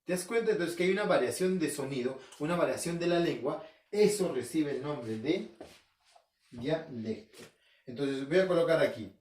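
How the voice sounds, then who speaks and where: His voice fairly high, expressive, a little mellow and at normal speed, a male Peruvian teacher with an Arequipa accent gives a recorded home-learning language class. He asks and answers his own questions, repeats key terms, and checks in with listeners. The echoey room puts him well away from the mic.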